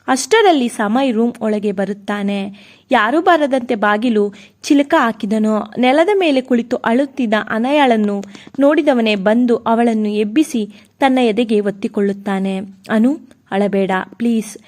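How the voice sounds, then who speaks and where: Higher-pitched woman storyteller. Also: unhurried, a little mellow. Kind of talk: scripted narration.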